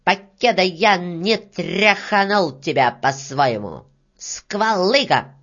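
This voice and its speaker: A woman's voice: fairly low pitch, expressive, slow, fairly bright tone, heavily acted. A woman voicing a small, stubborn red-haired peasant man who talks bluntly and defiantly. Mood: threatening. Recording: dull lo-fi recording.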